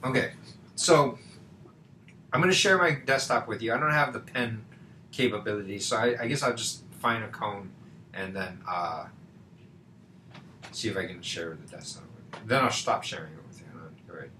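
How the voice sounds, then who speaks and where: A man's voice: lowish voice, moderate pace, pauses often, sharp tone. A man teaching math in a loose, chatty way, checking in often with "right?" His voice comes through a computer mic. The room has a noticeable echo and a faint hiss of background noise. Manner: chatty, rhetorical questions, frequent fillers. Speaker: math tutor. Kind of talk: casual online tutoring. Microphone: computer mic on a video call.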